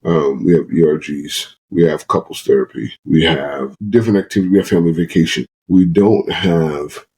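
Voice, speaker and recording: A man's voice: deep voice, steady tone, normal speed, hardly any pauses, darkish tone, slightly rough, rough recording. A man talking earnestly as a guest on a podcast conversation, sometimes acting out quoted voices. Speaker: guest psychologist.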